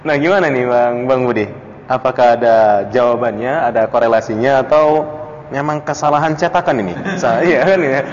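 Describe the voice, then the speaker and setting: Leading a study circle through a classical Arabic text, a man speaks at a moderate pace, questions students by name and chuckles, his pitch leaping animatedly. The recording is dull, lo-fi and reverberant, with slight background noise.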